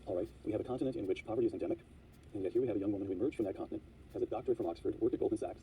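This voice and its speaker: Male interview host, quick probing questions, reads quotes aloud, dark lowish voice, distant mic with faint hiss.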